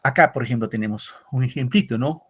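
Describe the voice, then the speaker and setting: A middle-aged male literature teacher giving an online class, explaining slowly with repetitions and frequent "¿no?" checks to his pupils. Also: medium pitch, husky. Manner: explains with repetition and asks "¿no?" often; addresses pupils as "queridos muchachos".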